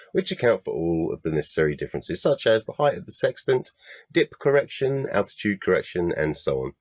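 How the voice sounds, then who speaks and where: A man's voice: lowish voice, darkish tone, dry recording. A British man giving a sarcastic, exasperated commentary rebuttal, swearing often. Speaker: YouTube debunking commentator.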